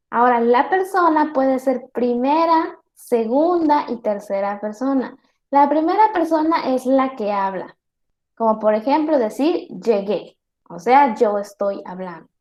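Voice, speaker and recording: High-voiced woman teaching, roomy echo. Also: darkish tone, muffled recording. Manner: explains slowly with many spoken examples; checks in with the class. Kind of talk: virtual class lecture.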